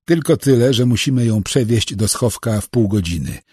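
A man's voice: medium pitch, expressive, moderate pace, a little mellow, husky, dry recording, clean studio sound. A man voicing a cocky male kidnapper who speaks in a breezy, self-assured way. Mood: smug.

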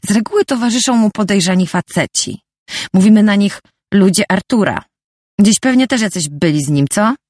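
A woman reading an audiobook, voicing the narrator's protective, bossy female friend with a slightly higher, insistent voice. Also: animated, moderate pace, darkish tone, no room sound, clean studio sound, close to an everyday voice. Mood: gossiping. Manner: insistent, warning tone.

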